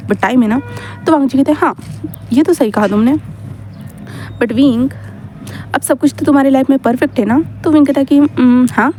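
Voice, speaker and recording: A woman's voice: high-pitched, dark tone, slight background noise. A woman casually narrating a romance fan story, mixing Hindi with English words and quoting the characters' lines. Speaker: storyteller retelling fan fiction.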